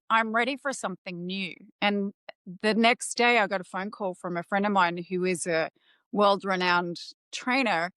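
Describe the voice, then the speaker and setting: A woman's voice: mid-range voice, pushed and bright, smooth, no echo. A woman, a podcast guest telling a personal story in an informal, candid way.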